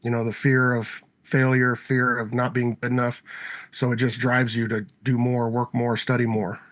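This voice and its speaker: A man's voice: medium pitch, level tone, normal speed. A man in his thirties, a former pro lineman, telling a story in casual interview talk and acting out his old coach's lines. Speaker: former NFL offensive lineman, guest.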